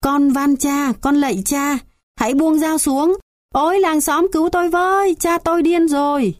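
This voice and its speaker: A woman's voice: mid-range voice, moderate pace, warm tone, no echo, studio quality, close to an everyday voice. A woman voicing a strong, rebellious young village man who pleads and cries out in a storybook tale. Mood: terrified. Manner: pleading, then screaming in terror.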